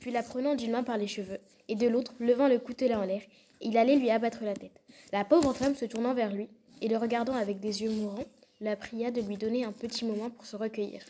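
A woman narrates an old fairy tale aloud, telling it in an even, expressive way. Her voice is somewhat high, in a plain reading voice. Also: brisk, slight background noise.

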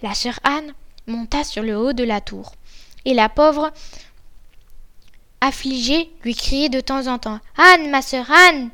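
A woman with a high voice reads a classic fairy tale aloud. Her narration is measured and soft. She tells it like a storyteller.

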